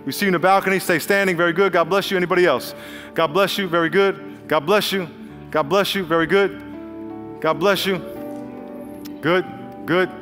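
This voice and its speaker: A middle-aged male pastor with a fairly high voice speaks earnestly from a large church stage, urging and blessing the crowd over and over. His words ring out with a long reverb through the hall. A faint band plays softly behind him. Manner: warm repetitive blessings, earnest and urgent. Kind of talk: altar call and sermon. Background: soft band music.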